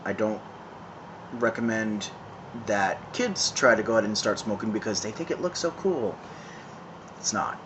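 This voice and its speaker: A man in his thirties talking casually to a phone camera outdoors, smoking, with many pauses and restarts. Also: on the low side, animated, dull audio. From San Francisco, California. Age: 30s. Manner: halting, many ums and restarts, conversational. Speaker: vlogger. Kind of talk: casual rambling monologue. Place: outdoors in town, evening. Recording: phone video with clear background noise.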